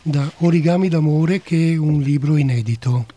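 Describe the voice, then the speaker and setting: A man who writes novels and poems, answering a radio host's questions softly and briefly. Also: fairly high pitch, moderate pace. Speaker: author guest.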